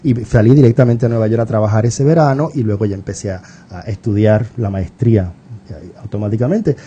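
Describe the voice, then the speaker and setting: A middle-aged Puerto Rican man with a very dark, mellow voice talks as a guest on a radio interview. He reminisces warmly, with fillers and restarts, over a faint hiss. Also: on the low side, brisk, lo-fi sound. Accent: Puerto Rican Spanish. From Puerto Rico. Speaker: writer and professor, radio guest.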